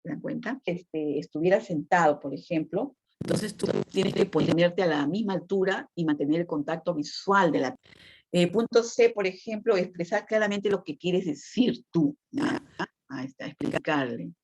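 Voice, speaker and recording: A woman's voice: on the low side, moderate pace, darkish tone, slightly rough. A woman teaching a nursing class in a conversational lecture style, often checking in with her students through short tag questions. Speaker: nursing instructor. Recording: dull lo-fi recording.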